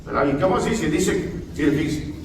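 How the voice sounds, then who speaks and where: A man preaches a sermon, calling on his congregation for amens as he explains the text. His voice sits a little high and carries through a long, echoing hall. He is heard from some way off the mic, with faint room noise. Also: expressive, unhurried. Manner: call-and-response preaching, often asking the congregation for amens. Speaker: pastor. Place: church hall. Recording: echoey hall, voice far from the mic.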